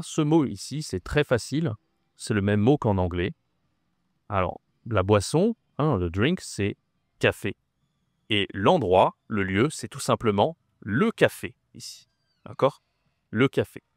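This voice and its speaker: A man's voice: fairly low pitch, darkish tone, no echo, studio quality. A man teaching French vocabulary. He is patient, repeats each word and often checks that the listener follows. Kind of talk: slow, clear vocabulary lesson.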